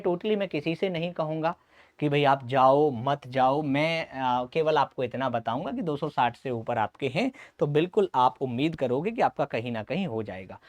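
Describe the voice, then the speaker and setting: A man teaching as a coaching instructor, explaining at length, often checking in with the listener and pausing with "uh". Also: on the high side. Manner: keeps checking in with "okay", frequent "uh" pauses. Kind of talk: explanatory lecture to students.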